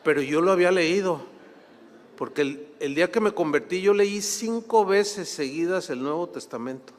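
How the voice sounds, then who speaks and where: A man preaching a sermon, telling a story with lively acted-out voices. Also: high voice, normal speed. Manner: animated, acts out quoted voices, laughs while telling. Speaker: pastor. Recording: long hall reverb.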